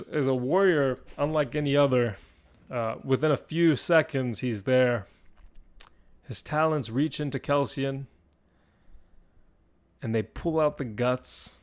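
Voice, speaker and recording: A man hosting a livestream who improvises a dramatic fantasy battle story, building suspense and breaking off for casual asides. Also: medium pitch. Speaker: livestream host.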